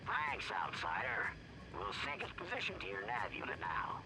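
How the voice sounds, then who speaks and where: Creaky, swooping radio spacefarer. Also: male voice, mid-range voice, wildly swooping pitch, moderate pace. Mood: businesslike. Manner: courteous, official. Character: formal spacefarer hailing ships over radio. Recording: very noisy radio transmission.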